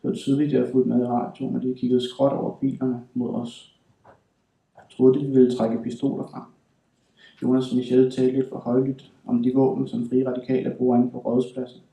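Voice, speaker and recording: A man reading his own literary writing aloud in a deliberate, measured way. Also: mid-range voice, monotone, gravelly, mellow, recorded from a distance. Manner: measured, deliberate delivery with slow emphatic stretches. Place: reading hall at a writing school. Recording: roomy hall, voice from afar.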